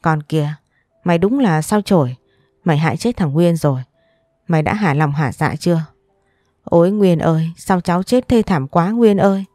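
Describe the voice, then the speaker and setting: A woman's voice: fairly low pitch, lively intonation, normal speed, warm tone, no room sound, close to an everyday voice. A woman voicing a grieving middle-aged aunt who screams accusations and wails in an audio story. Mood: wailing rage.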